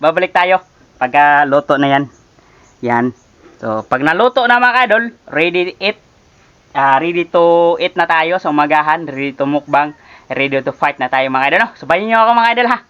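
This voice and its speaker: A man's voice: a little high, expressive, normal speed, a bit bright, clear, resonant tone, no echo, highs cut off. A man from the Philippines chatting casually to viewers in a cooking vlog, calling them idols again and again. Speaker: cooking vlogger.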